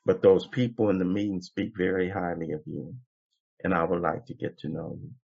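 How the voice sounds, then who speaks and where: Gravelly older man giving testimony. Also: low voice, fairly even intonation, brisk, a little mellow. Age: 70s. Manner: impassioned, preacher-like, repeats phrases for emphasis. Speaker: guest speaker at a recovery meeting. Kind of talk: recovery meeting testimony. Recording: dull lo-fi recording.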